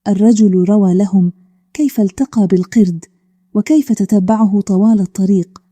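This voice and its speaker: A woman narrating a calm bedtime story in a steady, even way. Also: mid-range voice, normal speed, no echo.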